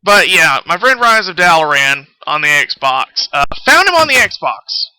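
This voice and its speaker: A young man with a Southern US accent tells a rambling story in a high, very bright voice. He swears freely, drifts off topic and has to find his way back. The tone is casual and chatty. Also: big pitch swings, unhurried, smooth, no echo, low-quality recording. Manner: rambling, profane, loses his thread. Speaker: streamer. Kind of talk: casual storytelling while gaming.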